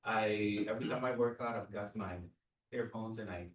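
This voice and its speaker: A man on a discussion panel who speaks hesitantly, with many restarts and pauses. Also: on the low side, fairly even intonation. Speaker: real estate agent panelist. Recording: echoey room, mic at a distance.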